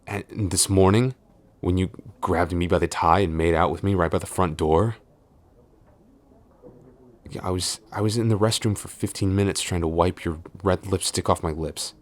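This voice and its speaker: In an intimate audio roleplay, a man plays a flustered tsundere boyfriend who is also an office supervisor, stammering as he scolds in an exasperated, defensive way, sounding alarmed. His voice is low and steady at a normal speed, close to how he'd talk every day.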